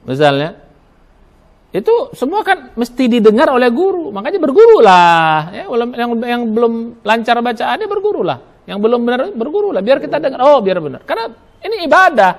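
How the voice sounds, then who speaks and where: A man's voice: extremely high pitch, huge pitch swings, a little fast. A man preaching a Ramadan sermon in a mosque, emphatic, spelling out Arabic letters and sounds, asking questions and answering them himself. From Indonesia. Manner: asks and answers his own questions.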